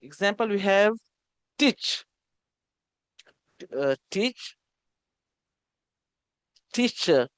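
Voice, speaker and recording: Slow, careful woman teaching English. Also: medium pitch, expressive, clean tone, dry recording. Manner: slow, repeats each word, says okay often. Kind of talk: classroom grammar lesson.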